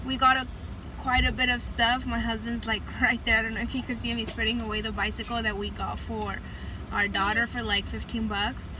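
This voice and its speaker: A woman's voice: a little high, little pitch movement, brisk, noisy background. A woman in her thirties, filming herself on a phone at an outdoor flea market, chatting to viewers in a casual vlog and laughing often. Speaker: family vlogger. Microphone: phone held at arm's length. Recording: loud crowd and music outdoors.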